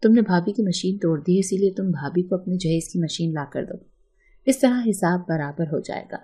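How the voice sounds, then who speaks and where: Woman reading as a soft-spoken mom calming everyone down, mellow husky voice. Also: fairly low pitch. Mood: gentle. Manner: gentle, coaxing. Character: patient, soothing middle-aged mother. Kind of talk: storybook narration.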